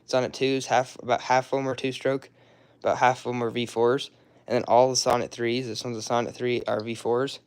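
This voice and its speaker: Young male vlogger, hoarse, rambling and casual; drifts off mid-thought. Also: medium pitch, level tone, a little fast. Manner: rambling, loose and offhand, trails off mid-sentence. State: hoarse, throat-clearing, coughing. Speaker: car hobbyist showing his garage. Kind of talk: casual walkaround vlog.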